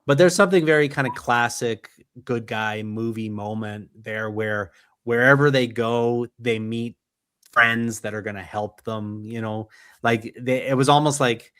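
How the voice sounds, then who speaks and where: A man's voice: mid-range voice, a little slow, fairly bright tone, clear, resonant tone, no room sound, studio quality. A man from Canada hosting a casual podcast chat, an enthusiastic fan who talks in long rambling thoughts. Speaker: podcast host.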